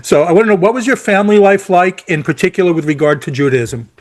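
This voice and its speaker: A man's voice: sits high, fast. A man hosting a podcast interview, friendly and laughing often, with frequent stumbles and restarts. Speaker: podcast host. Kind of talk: casual interview.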